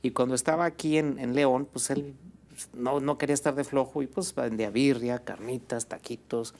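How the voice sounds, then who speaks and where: Gravelly-voiced Mexican man telling stories. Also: mid-range voice, normal speed. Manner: relaxed, fills with "este" and "pues", ends phrases with "¿no?". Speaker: guest, birria restaurant owner. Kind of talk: conversational storytelling in an interview.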